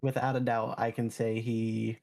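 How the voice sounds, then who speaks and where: A man's voice: mid-range voice, little pitch movement, a little slow, vocal fry, darkish tone. Stammering man playing a witness. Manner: stammering, repeats words. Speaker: witness in a mock trial. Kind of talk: mock trial role-play.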